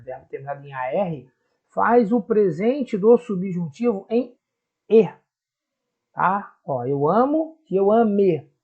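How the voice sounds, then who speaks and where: A man's voice: high voice, a little mellow. A man with a Rio de Janeiro accent teaching Portuguese grammar in a video lesson, patiently repeating the verb forms and checking in with the viewer. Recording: husky voice, dull lo-fi sound.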